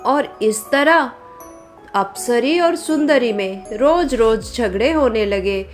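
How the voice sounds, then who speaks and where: A woman tells a cartoon moral story in a slow, even narrating voice. Her pitch sits fairly high. Soft music runs underneath. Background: background music.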